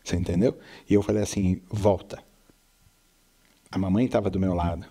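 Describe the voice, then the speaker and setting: Middle-aged dad telling a faith story, dark warm voice, keeps checking in with the listener. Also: male voice, low voice, quick pace, husky. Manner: lively storyteller, often checks in with "entendeu?". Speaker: co-host, father. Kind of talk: casual storytelling chat on faith.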